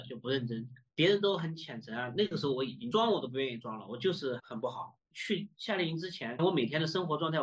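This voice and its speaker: Fast-talking young man telling his testimony. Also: on the high side, fairly bright tone. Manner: earnest, reflective, recounts with quoted dialogue. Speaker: interviewee sharing faith testimony. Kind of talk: personal testimony storytelling.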